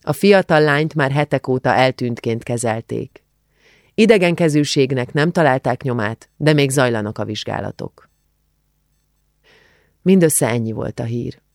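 Male audiobook narrator with a Hungarian accent, measured, gravelly, dry studio sound. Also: medium pitch, lively intonation, dry recording. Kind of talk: scripted narration.

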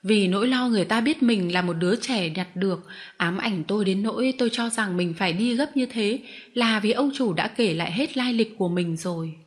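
A woman narrating a novel in a steady, measured audiobook reading. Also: medium pitch. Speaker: audiobook reader. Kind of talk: storybook narration.

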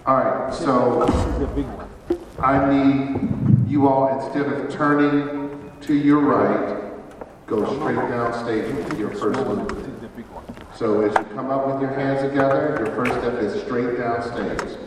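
A man's voice: medium pitch, fairly even intonation, takes it slowly, long pauses, background noise. A man directing a stage rehearsal, giving blocking instructions and calling counts in a commanding manner. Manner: directive, calls counts and cues. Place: large stage hall. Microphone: far camera. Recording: echoey hall from far off.

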